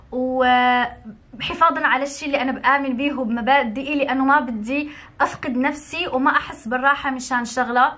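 A woman's voice: high voice, bright, forceful tone. A young adult woman from Morocco, a YouTuber speaking her mind to camera, emphatic and indignant, repeating points for stress. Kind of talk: talking-to-camera opinion vlog.

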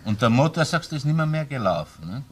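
In an old, noisy German-language crime radio play, a male actor plays a sceptical, probing police investigator, speaking colloquial Viennese German with a Viennese Austrian accent. His mid-range, natural voice is very animated and quick, with an insistent, questioning manner.

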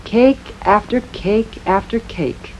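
A woman's voice: mid-range voice, slow pace. A woman playing a confident homemaker spokeswoman in a scripted 1950s television commercial, making earnest, emphatic promises. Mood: assured. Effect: 1950s TV broadcast sound. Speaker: brand spokeswoman. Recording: dull lo-fi 1950s TV audio with faint hiss.

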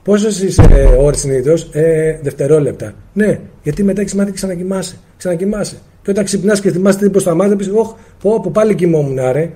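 A man from Greece leads a live seminar and answers viewer questions. His voice sits a little high, with a husky, mellow, warm tone. He talks to listeners as friends and breaks into quick acted-out exchanges with sudden swings in pitch. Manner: addresses listeners directly as friends. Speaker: spiritual teacher.

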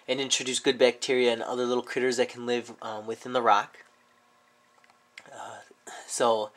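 Recording a home vlog while sick with a cold, this man shows off his aquarium hobby casually, hesitant and full of ums and restarts. His voice is medium-pitched with a slightly bright tone.

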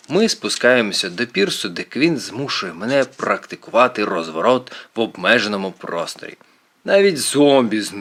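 A man narrating an audiobook in an expressive, animated way. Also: mid-range voice. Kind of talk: audiobook reading.

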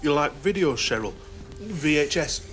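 An actor playing a gentle, childlike older brother who speaks slowly and simply. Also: male voice, a little high, lively intonation.

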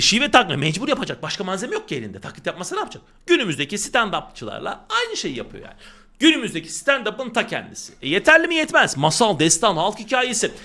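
Lively, bright-voiced male literature teacher. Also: sits high. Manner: animated, emphatic, repeats warnings to the class. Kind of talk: exam-prep lesson.

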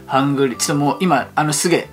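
Excitable rapid-fire male fan host. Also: on the high side, faint music behind. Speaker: YouTube fan channel host. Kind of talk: excited reaction commentary.

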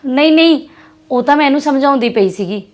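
A young woman with a Punjabi accent acting a sharp, scolding sister in a drama. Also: high-pitched, animated. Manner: scolding and fast-talking. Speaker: actress playing a sister.

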